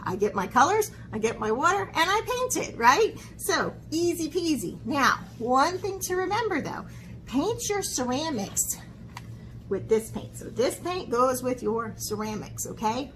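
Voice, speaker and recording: A woman teaches children an art lesson as host, chatty and encouraging, reading aloud and checking in often with short tags like "okay?". Her high voice swings widely in pitch at a measured pace with a fairly bright tone. The audio is poor, with a little hiss or hum.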